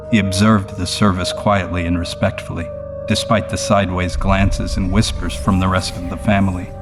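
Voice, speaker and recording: A man reading a scripted first-person horror story in a grave, measured storytelling manner. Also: low-pitched. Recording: prominent music behind the voice. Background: music.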